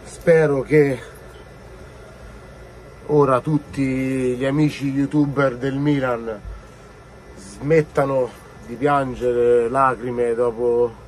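A man comments wryly on football after a match. His speech is slow and average in pitch, with faint background noise. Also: steady tone, darkish tone.

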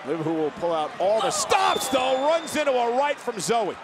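A man's voice: very high-pitched, big pitch swings, moderate pace. A man giving dramatic, emphatic play-by-play as a wrestling commentator. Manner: dramatic, emphatic calls of each move. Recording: loud arena noise behind. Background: loud wrestling arena.

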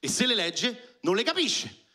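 Uomo acuto e squillante con romano. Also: male voice, high-pitched, unhurried. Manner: animated, shouts punchlines, acts out quoted voices. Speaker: stand-up comedian. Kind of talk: stand-up comedy routine. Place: comedy club stage with live audience.

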